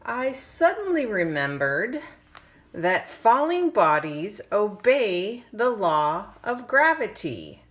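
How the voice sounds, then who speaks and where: Reading a children's storybook to a listener, this mother lingers on each phrase. She lets her voice climb and dip with animation, drawing out words theatrically and holding suspenseful pauses.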